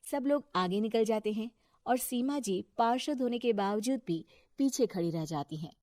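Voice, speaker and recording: A woman's voice: fairly high pitch, animated, moderate pace, mellow, no echo, studio quality. A woman giving scripted narration as the storyteller of a Hindi cartoon moral tale.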